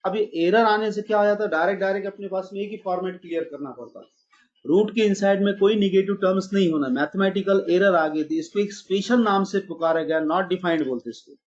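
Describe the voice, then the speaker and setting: A man's voice: high-pitched, fairly quick, highs cut off. A man teaching a math class online, calling his students "beta" and mixing English math terms into his explanations.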